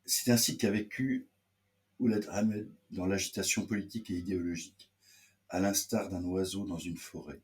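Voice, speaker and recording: Low-voiced man reading aloud, hesitant asides. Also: steady tone, moderate pace. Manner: hesitant, many fillers and restarts between readings. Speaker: literary show host reading excerpts. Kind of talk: reading aloud and casual commentary.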